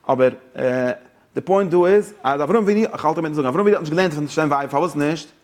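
Man, Torah lesson teacher, fairly high voice, rapid delivery, excited, stumbling restarts. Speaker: religious teacher.

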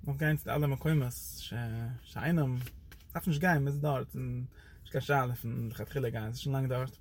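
A man teaching a Torah lecture in a loose, rambling way, his voice jumping up and down for emphasis. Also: a little fast. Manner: animated, pitch jumps up and down for emphasis.

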